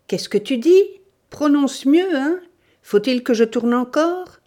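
A woman voicing a brutal male bandit in an audiobook, shouting threats in a raised, harsh voice. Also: on the low side, very animated, a little slow. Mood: raging.

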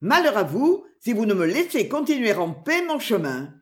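Storybook hero: a woman plays a brave young male archer, firm and commanding, lively delivery. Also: medium pitch, moderate pace, close to an everyday voice. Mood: stern warning. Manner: firm, imperious warnings.

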